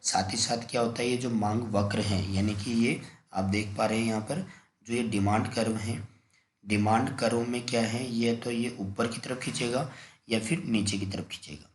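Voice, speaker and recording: Low-voiced male teacher in an echoey room. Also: fairly even intonation, moderate pace. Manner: repetitive, asks and answers his own questions. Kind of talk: exam-prep lecture. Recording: echoey room, faint noise.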